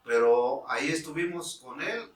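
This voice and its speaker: A man in his fifties from Mexico, a guest telling in a relaxed way, with many fillers, how he became a referee. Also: fairly high pitch, a little slow, echoey room, recorded from a distance, poor audio. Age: 50s. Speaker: guest, former futsal referee. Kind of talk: casual interview storytelling.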